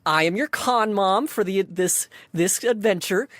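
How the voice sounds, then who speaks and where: A woman's voice: medium pitch, unhurried, dry recording, voice pushed up, natural voice. A woman voicing a perky, bubbly female sphinx who helps at a convention. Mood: cheerful. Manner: bubbly, eager to help.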